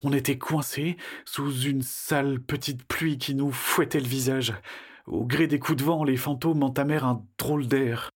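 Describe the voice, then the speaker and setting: A man narrating a children's adventure audiobook in a lively storytelling manner. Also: medium pitch, moderate pace, breathy edge. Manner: lively storytelling, shifting into character voices.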